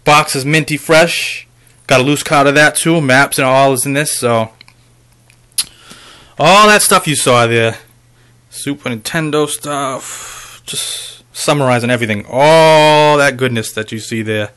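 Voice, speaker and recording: A man's voice: mid-range voice, a little slow, bright, forceful tone, smooth. A man vlogging about a game haul, telling a rambling, profane story to his viewers with lots of fillers. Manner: addresses viewers directly. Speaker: video game collector vlogger. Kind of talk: casual ranting vlog.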